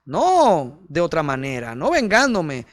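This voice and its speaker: Male pastor, sermon delivery, higher-pitched voice, dry close sound, direct and earnest, calls listeners brother. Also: huge pitch swings, measured pace, dry recording. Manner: earnest preaching, rising to emphatic peaks then dropping soft.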